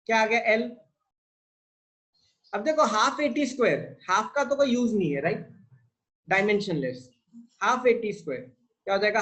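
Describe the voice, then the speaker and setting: A physics tutor with an Indian English accent teaches his class, posing questions and answering them himself as he blends Hindi into his English sentences. His voice sits high and a bit bright, and the recording is rough.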